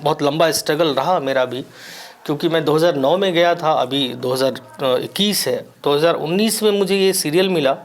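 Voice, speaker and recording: This man, a Maithili-speaking actor from Bihar in India, has a voice on the high side. He responds to interview questions thoughtfully and deliberately, with frequent pauses.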